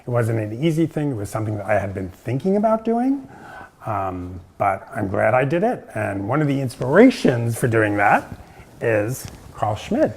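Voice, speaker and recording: A man's voice: medium pitch, very animated, moderate pace, a little mellow, breathy edge. A man hosting a casual interview, talking in a chatty way with frequent ums. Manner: chatty, with many ums and uhs. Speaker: host.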